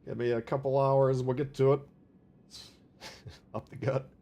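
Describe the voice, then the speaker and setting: A man's voice: mid-range voice, level tone, measured pace, dark tone. A man with a Minnesota accent hosting a live game stream, chatting casually, joking and reading viewer comments aloud. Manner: chatty, wisecracking, reads viewer chat aloud. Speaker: livestream gaming host.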